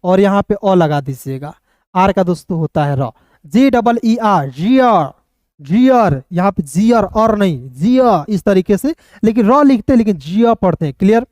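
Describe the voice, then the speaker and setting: A man running an online English lesson, breaking words down slowly sound by sound and checking in with his students again and again. His voice is dark and mellow, and it sounds dry and close with no room around it. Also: high voice, lively intonation, no echo. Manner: slow syllable-by-syllable pronunciation drills, keeps asking "clear?". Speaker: English teacher.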